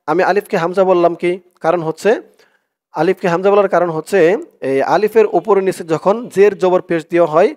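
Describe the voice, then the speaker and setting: A man teaching Quran reading, who spells out each word letter by letter and then chants the verses slowly. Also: on the high side, a little mellow. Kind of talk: spelling lesson with recited verses.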